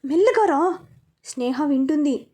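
Flustered middle-aged mom, voiced by a woman, fussy, high voice, storybook telling. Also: lively intonation, measured pace, warm tone.

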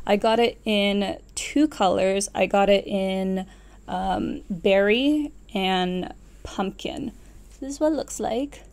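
A knitting vlogger in her twenties does a chatty yarn haul to camera from a small furnished room at home. Her voice is dark, relaxed and of ordinary female pitch, and she rambles a little, muttering to herself and fixing what she just said.

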